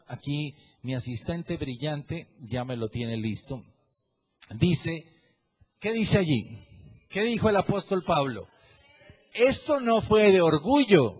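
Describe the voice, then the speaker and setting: Husky-voiced preaching man, fairly high. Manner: animated preaching with big swings in pitch and volume, repeats phrases for emphasis. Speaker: pastor. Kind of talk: sermon.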